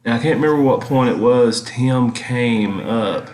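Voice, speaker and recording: A man's voice: mid-range voice, a little slow, darkish tone. A man giving casual, rambling commentary as he reminisces over his own vlog footage. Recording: echoey, roomy sound.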